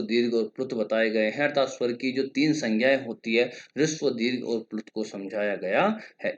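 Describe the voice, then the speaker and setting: Man teaching Sanskrit grammar, measured. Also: mid-range voice. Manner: measured, explanatory, drawn-out vowels when demonstrating lengths; recites Sanskrit rules in a slow chant. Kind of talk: exam-prep grammar lesson.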